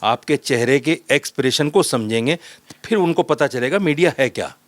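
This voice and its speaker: A man's voice: mid-range voice, animated, moderate pace, no echo. A man being interviewed, arguing his points emphatically in a heated debate and listing them one after another. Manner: argumentative, emphatic, lists points.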